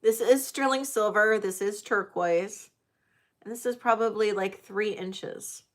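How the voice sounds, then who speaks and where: A woman's voice: medium pitch, measured pace. A middle-aged woman working as a casual auctioneer on a live sale, chatting and addressing bidders by name.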